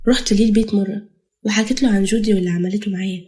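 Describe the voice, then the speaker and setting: A woman's voice: mid-range voice, steady tone, very fast, dark tone, close to an everyday voice. A woman doing a young man confessing. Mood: resigned. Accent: Egyptian. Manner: resigned, confessional.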